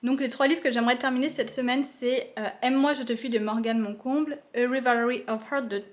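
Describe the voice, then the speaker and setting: A woman's voice: on the high side, fairly even intonation, brisk. A young woman chatting casually about her unfinished books in a reading vlog, with many fillers and restarts. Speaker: book vlogger.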